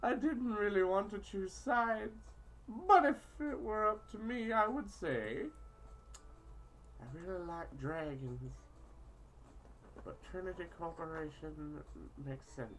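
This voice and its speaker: Against slight background noise, a woman with a medium-pitched, expressive voice speaks at a measured pace. She hosts a visual novel playthrough, casually reading along, giggling theatrically, and cracking crude improvised jokes.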